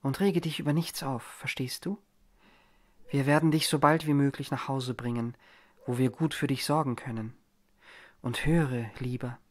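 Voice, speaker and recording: A man reading an audiobook, voicing an eerily doting middle-aged widow who talks in syrupy baby talk and hushed threats. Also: mid-range voice, steady tone, moderate pace, lightly acted. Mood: cooing.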